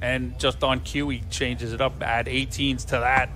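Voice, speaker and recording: A man's voice: medium pitch, level tone, a little slow, pushed and bright. A man giving live sports commentary on a darts match.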